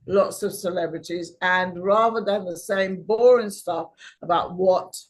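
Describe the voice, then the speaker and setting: A middle-aged woman from Guyana, a podcast guest telling stories in a lively, conversational way. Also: fairly low pitch, a little slow, poor audio. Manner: animated storyteller, acts out quoted dialogue. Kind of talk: conversational storytelling.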